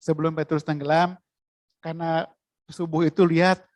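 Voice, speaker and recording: A preacher giving a sermon, in a lively way, asking the listeners questions. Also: medium pitch, moderate pace, no echo.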